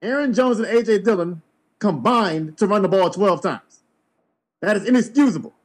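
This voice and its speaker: Guy with a high voice ranting on a sports podcast, blunt and emphatic. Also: normal speed. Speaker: podcast host.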